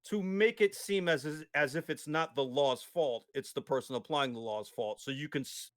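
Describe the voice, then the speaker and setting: A man's voice: a little high, moderate pace. A man in a casual debate, explaining at length with many restarts and tag questions. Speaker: guest.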